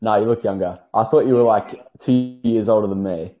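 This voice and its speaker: A young man hosts a podcast in easy, laid-back conversation. His voice is low and mellow, with a dark, soft tone. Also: fairly quick, muffled recording, faint music behind. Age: young adult. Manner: relaxed, laid-back, calls guest bro. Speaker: podcast host. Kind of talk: casual interview chat.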